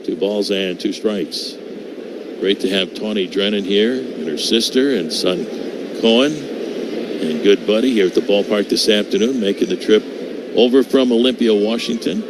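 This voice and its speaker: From an open-air ballpark broadcast booth, a man calls live baseball play-by-play for radio at normal speed, raising his voice on the action and settling back between pitches. Clear outdoor ballpark noise sits behind him.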